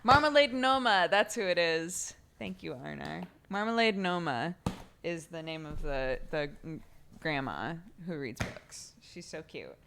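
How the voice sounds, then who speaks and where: A woman's voice: on the low side, expressive, unhurried, vocal fry, background noise. A woman streamer chatting casually and reading a storybook aloud, giggly and offhand, swearing now and then.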